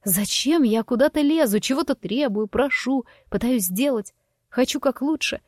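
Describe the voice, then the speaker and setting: A woman narrating a first-person audiobook in an expressive, emotional reading. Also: high-pitched, moderate pace, no echo, clean studio sound.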